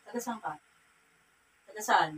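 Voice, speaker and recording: A woman's voice: mid-range voice, normal speed, a bit bright. A woman faith healer with a Cagayan Valley accent, sternly questioning and scolding in a repetitive way. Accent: Filipino, Cagayan Valley. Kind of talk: healing ritual interrogation. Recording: distant mic with faint ambient noise.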